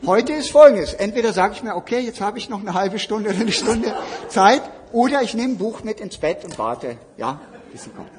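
A man's voice: sits high, very animated, normal speed. A man telling humorous everyday anecdotes about his marriage to an audience. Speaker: co-speaker, husband of the other speaker. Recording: long hall reverb.

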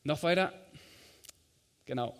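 A man preaching a sermon in a calm, measured way, giving weight to the scripture quotes he reads out. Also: fairly high pitch. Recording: long hall reverb.

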